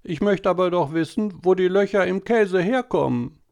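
A man's voice: high-pitched, moderate pace, creaky, darkish tone, pitched above the performer's own voice. Man putting on a whiny small boy. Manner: whining, insistent questioning.

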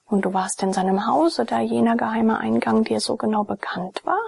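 A woman voicing a tender, gentle noble young woman in an audiobook, with a breathy voice. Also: a little high, steady tone, moderate pace, no room sound, heavily acted.

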